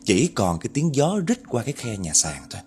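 Dramatic lively male horror storyteller. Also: mid-range voice, fairly quick, soft background music. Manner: dramatic, addresses listeners directly.

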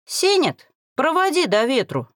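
A woman voicing a gruff, commanding bearded man who leads a band of kidnappers in a storybook. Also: high-pitched, wildly swooping pitch, a little slow, dry recording, clean studio sound, pitched above the performer's own voice, full character voice. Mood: curt. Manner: curt, commanding.

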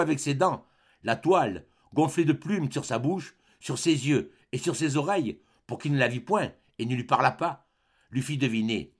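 A male audiobook narrator reading a classic novel with measured, dramatic phrasing. His pitch moves expressively through each sentence, and a gravelly texture creeps in when he drops low. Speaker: audiobook reader. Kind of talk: scripted literary narration.

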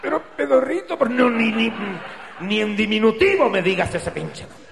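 Male comic doing a lovesick young man, Mexican accent, whiny and loud. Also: extremely high pitch, expressive, normal speed, gravelly, reverberant, crowd noise, voice pushed up, full character voice. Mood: exasperated.

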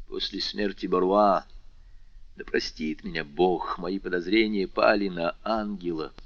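Icy prosecutor, low slow measured delivery, bright hard edge, dry dull recording, man voicing. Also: creaky, no room sound, full character voice. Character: cold stern royal prosecutor, middle-aged man.

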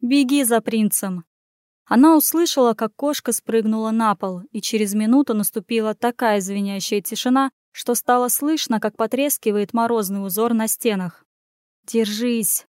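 Woman reading a fantasy audiobook, expressive, higher voice, dry close sound. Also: moderate pace, clear, resonant tone, dry recording. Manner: expressive storytelling. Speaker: narrator. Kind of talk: audiobook narration.

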